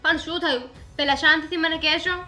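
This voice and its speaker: A woman's voice: very high-pitched, steady tone, fairly quick, bright, forceful tone, faint music behind, heavily acted. An actress playing a young daughter-in-law who argues back defensively with her mother-in-law. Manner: argumentative, defensive. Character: defiant young daughter-in-law, sharp-tongued.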